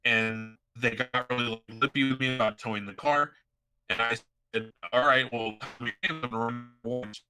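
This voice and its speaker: Man guest on a podcast, bright and forceful tone, glitchy robotic call audio, loose storyteller. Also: mid-range voice, fairly even intonation, moderate pace, clear, resonant tone, low-quality recording. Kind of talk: casual podcast chat.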